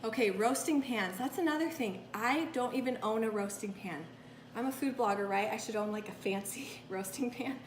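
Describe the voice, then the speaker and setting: A woman's voice: on the high side, moderate pace, slight background noise. Friendly home-cook woman, a food blogger talking through a recipe, echoey kitchen room. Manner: chatty, talks while working with her hands. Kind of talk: casual cooking tutorial.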